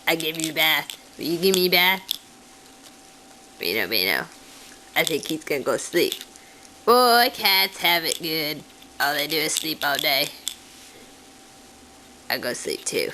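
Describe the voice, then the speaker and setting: A woman's voice: low voice, big pitch swings, sharp tone, a little hiss or hum, full character voice, poor audio. Woman doing a timid boy puppet. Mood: chatty. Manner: talks straight to the children, slow and simple. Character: timid childlike male puppet, wary of cats. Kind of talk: children's puppet show.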